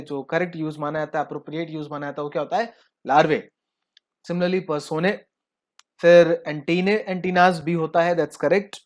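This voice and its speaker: Man teaching grammar, spelling out letters. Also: fairly high pitch. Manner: asks the class a question, then answers it himself; spells out word endings letter by letter, slowly. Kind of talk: classroom-style video lesson.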